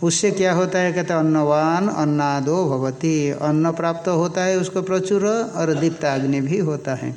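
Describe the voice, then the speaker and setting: A man giving a scriptural lecture, reciting Sanskrit verses and explaining them slowly and deliberately. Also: fairly high pitch, darkish tone. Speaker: teacher expounding an Upanishad.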